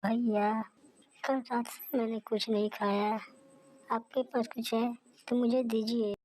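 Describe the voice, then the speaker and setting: A woman's voice: fairly high pitch, little pitch movement, unhurried, a little mellow, pitched above the performer's own voice, close to an everyday voice, rough recording. A woman voicing a timid orphan boy in a cartoon, who talks in a whiny, begging way. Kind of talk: cartoon voice acting.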